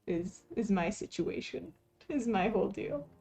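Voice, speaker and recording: Female live-streamer, from Palestine, easygoing and chatty while crafting; leisurely delivery, mid-pitched voice. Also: animated, a little slow. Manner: laid-back, chatty, frequent soft laughs, reads chat aloud. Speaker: cross-stitch streamer. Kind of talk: casual live-stream chat. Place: home, lives in Taiwan.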